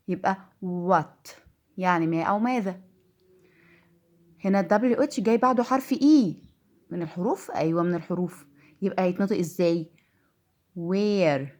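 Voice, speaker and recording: Egyptian-accented female English teacher, patient and repetitive, mid-pitched voice. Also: a little mellow. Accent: Egyptian Arabic. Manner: patient, repeats words slowly to drill them. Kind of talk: classroom-style lesson.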